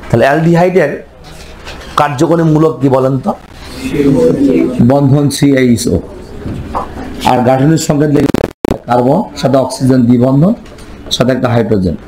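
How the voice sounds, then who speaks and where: A man's voice: mid-range voice, moderate pace, long pauses, crowd noise, low-quality recording. Male teacher quizzing his class. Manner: quizzing the class with repeated questions. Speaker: chemistry teacher. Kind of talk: classroom lecture.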